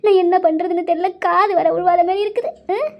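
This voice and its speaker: A woman's voice: very high-pitched, steady tone, a little fast, lo-fi sound. A woman voicing a wronged young village woman, talking in a whiny, complaining way.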